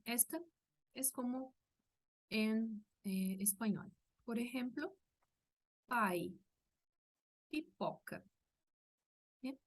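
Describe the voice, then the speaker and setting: A woman's voice: on the high side, slow, long pauses, darkish tone. A woman from Brazil with a Brazilian Portuguese accent, a native Portuguese speaker, patiently explaining sounds in a language lesson and modelling each one aloud. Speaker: language teacher.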